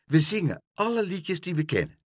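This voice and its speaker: A man voicing an excited little child bursting with ideas, in a read-aloud children's story. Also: high voice, moderate pace, dry recording, studio quality, voice pushed up.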